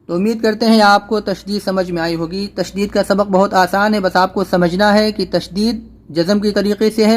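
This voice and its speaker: A man teaching Quran reading step by step, patiently repeating letter spellings slowly and firmly. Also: sits high. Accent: Urdu. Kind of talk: step-by-step recitation lesson.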